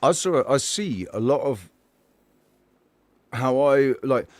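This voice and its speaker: A middle-aged man hosting a casual podcast chat, halting and restarting his phrases, often repeating words. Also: medium pitch, lively intonation, dry recording. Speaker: podcast host.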